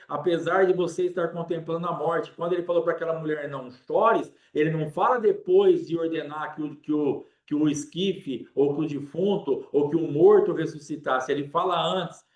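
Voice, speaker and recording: A man's voice: on the high side, echoey room. A man preaching a sermon with an impassioned, repetitive cadence, calling out names to his congregation.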